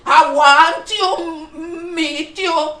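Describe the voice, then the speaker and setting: A woman voicing a bossy old grandmother, slow and scolding. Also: extremely high pitch, fairly even intonation, pushed and bright, reverberant, far from the mic, voice pushed up, heavily acted. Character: bossy old Jamaican granny.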